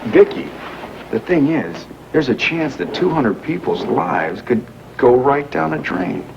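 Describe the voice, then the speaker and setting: An actor playing a wealthy young man who has posed as a factory worker, explaining himself earnestly with halting fillers, in 1980s daytime soap acting heard from a worn VHS tape copy. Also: medium pitch, big pitch swings, vocal fry. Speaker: businessman explaining a masquerade. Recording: muffled hissy worn videotape of a TV broadcast.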